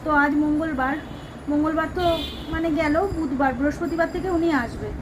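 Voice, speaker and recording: High-voiced woman vlogging from home. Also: steady tone, fairly quick, noisy background. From West Bengal, India. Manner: chatty, talks to viewers while doing housework. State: unwell with a painful leg. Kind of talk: casual home vlog narration. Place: home, kitchen and bedroom.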